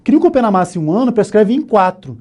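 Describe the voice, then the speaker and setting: A man with a Brazilian Portuguese accent teaches an exam-prep law lesson, taking each answer option in turn. His voice is dark and mellow. He keeps checking in with quick "né?" and "tá?" tags as he explains. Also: sits high, sing-song. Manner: explains step by step, often asking "né?", "ok?", "tá?". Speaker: law instructor. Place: online course studio.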